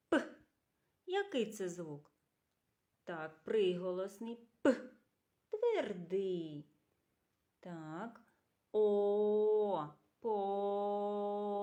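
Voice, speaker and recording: Lively kindergarten teacher sounding out words. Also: female voice, medium pitch. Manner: slow, clearly drawn-out sounds and syllables, asks questions and praises. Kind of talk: literacy lesson for young children.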